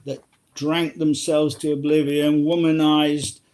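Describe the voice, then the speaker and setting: A man's voice: fairly high pitch, level tone, a little slow, a little mellow. An older man, a former footballer, chatting casually as a guest on a phone-in and telling anecdotes with frequent laughs.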